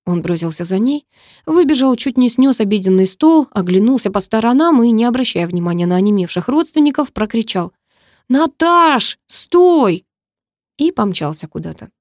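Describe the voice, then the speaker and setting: A woman narrating a dramatic first-person audiobook, expressive and emotional, recorded close to the mic. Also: mid-range voice, brisk, dry recording.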